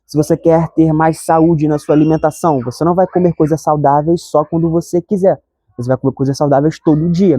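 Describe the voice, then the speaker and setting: A man's voice: fairly high pitch, dark tone, breathy edge, dry recording, studio quality. A man, giving an earnest, conversational devotional reflection and often asking "sabe?". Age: 20s. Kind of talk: reflective devotional talk to camera.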